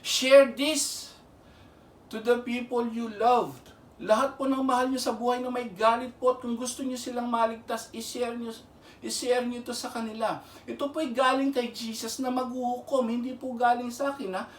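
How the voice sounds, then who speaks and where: A man's voice: extremely high pitch, flat delivery, moderate pace, slight background noise. A man preaching a Bible lesson as a lay minister. He speaks earnestly, pleads again and again for listeners to pay attention, and mixes English phrases into his Filipino. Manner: earnest, pleading, repeats "pakinggan nyo". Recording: roomy and distant from the mic.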